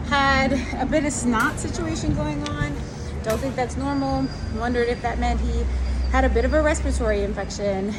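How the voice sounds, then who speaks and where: Chatty woman vlogging over noisy ambience. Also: high voice. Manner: chatty and excitable, casual slang. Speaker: reptile keeper vlogger. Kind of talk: casual vlog chat.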